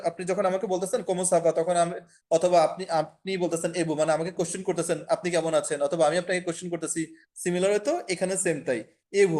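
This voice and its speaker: A man's voice: sits high, darkish tone. A man from Bangladesh teaching French over a video call, explaining in Bengali with English and French phrases mixed in and many fillers. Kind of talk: online class lecture.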